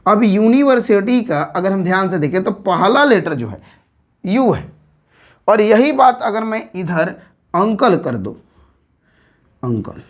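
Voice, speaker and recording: A woman's voice: medium pitch, big pitch swings. Female teacher explaining at a board, patient and repetitive, medium voice. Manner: repeats words slowly, checks with rhetorical questions. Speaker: English teacher. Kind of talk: whiteboard grammar lesson.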